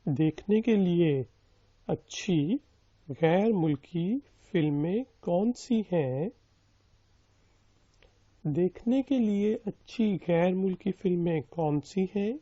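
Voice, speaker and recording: A man's voice: high-pitched, lively intonation, warm tone, dry recording, muffled recording. A man teaching a language lesson, repeating each sentence several times and splitting it word by word before explaining its meaning. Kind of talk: slow, repetitive phrase drilling with explanations.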